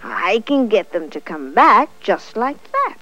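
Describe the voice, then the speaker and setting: A woman's voice: medium pitch, sing-song, measured pace, bright, forceful tone, lo-fi sound, faint music behind. A woman voicing a nice, friendly male wolf who offers to help. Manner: friendly, then worn-out.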